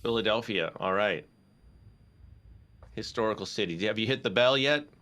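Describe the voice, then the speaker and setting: A man's voice: fairly low pitch, moderate pace, fairly bright tone. A man hosting an interview over a video call, easygoing and affirming, asking long rambling questions. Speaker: podcast host. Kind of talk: casual interview chat.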